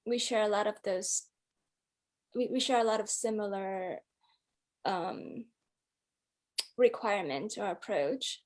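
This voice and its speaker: A woman's voice: mid-range voice, darkish tone. A woman from Hong Kong, a guest musician in an interview, speaking reflectively and filling her talk with "um" and "like". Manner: reflective, many fillers, hedging "like" and "um".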